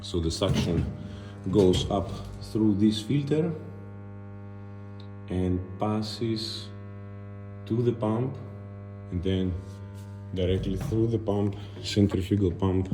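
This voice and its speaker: Slow, low-voiced man with an echoey sound. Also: over music. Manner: halting, pausing between short phrases. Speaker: tour guide. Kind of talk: unscripted video tour narration.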